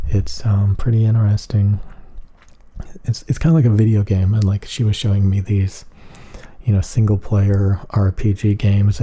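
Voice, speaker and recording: A man giving a rambling ASMR talk in a flat, emotionless monotone, hesitant and meandering as he goes. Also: lowish voice. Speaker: ASMR video creator.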